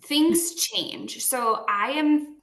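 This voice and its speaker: A woman in her thirties hosting a casual interview, enthusiastic and encouraging toward her guest. Her voice is bright and forward. The room adds a noticeable echo. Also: sits high, lively intonation, extremely slow. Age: 30s. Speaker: podcast host. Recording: roomy echo.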